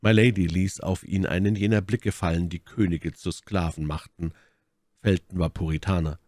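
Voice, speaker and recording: A man reading a classic novel aloud as audiobook narration, in an expressive, theatrical manner. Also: deep voice, moderate pace, no room sound, studio quality. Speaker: audiobook reader.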